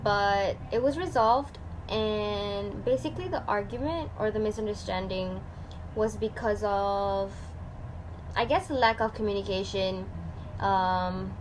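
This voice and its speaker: Young woman, measured, noisy recording. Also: medium pitch. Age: 20s. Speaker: student guest. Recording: noisy background.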